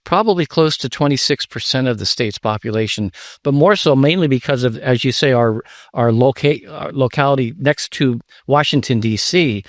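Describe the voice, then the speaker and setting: A man's voice: medium pitch, moderate pace, no echo. Middle-aged guy, nonprofit ceo talking shop, businesslike, rattles off numbers, dry close mic. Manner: businesslike, lists facts and figures. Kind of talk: conversational interview. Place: studio in Washington, DC.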